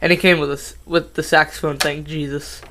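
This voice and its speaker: A fifteen-year-old boy rambles casually about his toy collection in a collection update vlog, full of ums, restarts and self-corrections. His voice is fairly high with a flat, brisk delivery and a sharp tone, and there's slight background noise.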